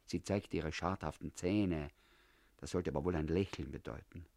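A man's voice: sits low, moderate pace, vocal fry, darkish tone, dry recording, clean studio sound. A man reading a first-person story aloud in a confiding tone, as if talking to an old comrade. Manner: confiding, addressing the listener as comrade. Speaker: audiobook narrator. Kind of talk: first-person literary narration.

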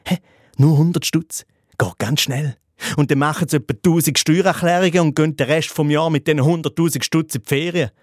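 A man's voice: on the high side, dry recording, studio quality. A man with a Swiss German accent delivering a scripted comedy monologue, sarcastic and exaggerated. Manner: sarcastic, exaggerated, mimics voices.

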